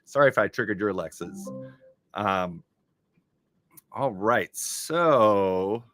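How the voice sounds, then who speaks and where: A man hosts a casual live stream, thinking out loud as he reads through puzzle clues. His voice sits fairly low but moves around a lot, with a bright, forward tone. The close microphone keeps the sound dry and free of room echo. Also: expressive, slow, soft background music. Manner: chatty, reads clues aloud and muses on them. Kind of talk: casual live-stream chat while solving a crossword.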